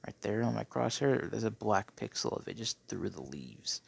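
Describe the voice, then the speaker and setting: A man with a fairly low, animated voice gives casual, rambling Minecraft commentary at a moderate pace in a dry recording. His throat sounds phlegmy, he keeps clearing it, and he tends to add "okay?" to his lines.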